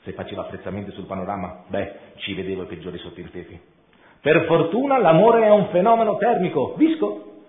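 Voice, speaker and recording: A man's voice: lowish voice, a little fast, pitched below the performer's own voice, close to an everyday voice. A man voicing a cynical, worldly-wise old male chameleon father who lectures his son. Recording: tinny echoey room.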